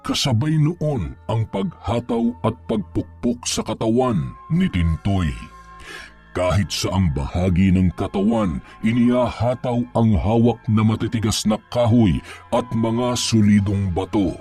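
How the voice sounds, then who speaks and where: A man narrating a scripted horror story in a measured, suspenseful storytelling manner. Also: fairly low pitch, animated, creaky, warm tone, soft background music.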